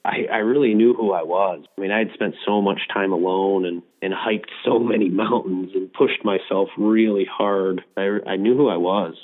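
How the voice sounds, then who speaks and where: A man's voice: sits low, fairly even intonation, normal speed, hardly any pauses. A middle-aged man being interviewed as a guest, speaking in an easygoing, reflective way and laughing easily. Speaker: guest, mental health association director. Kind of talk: casual interview chat. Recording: tinny phone line.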